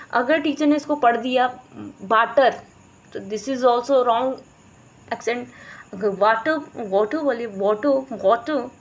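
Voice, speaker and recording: A woman's voice: sits high, low-quality recording. Woman teacher explaining a lesson. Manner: explanatory, mixes English terms into Hindi, demonstrates pronunciations. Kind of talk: explaining a teaching course in Hindi.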